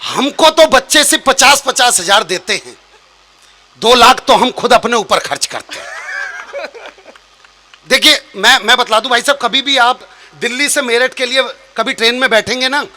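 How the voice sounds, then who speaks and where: A man who is a comic poet telling a funny story on a live stage, lively and shouting out the punchlines. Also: extremely high pitch. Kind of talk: stand-up poetry performance.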